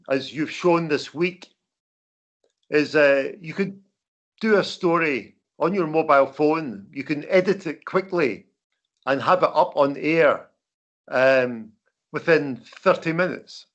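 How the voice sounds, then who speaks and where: Older man, broad Scottish accent, slow halting delivery, informal talk, dull lo-fi sound. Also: a little high. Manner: halting, repeats words. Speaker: veteran journalist, guest speaker. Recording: dull lo-fi call audio.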